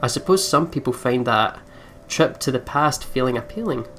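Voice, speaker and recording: A woman's voice: extremely low pitch, expressive, moderate pace, slight background noise. A woman hosting a let's play, casually commenting and reading the game text aloud in a chatty way.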